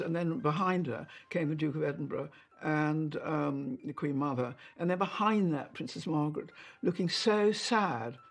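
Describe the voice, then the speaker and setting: An older woman in an interview, reminiscing in a chatty, anecdotal way with halting asides. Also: low-pitched. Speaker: interviewee, royal insider.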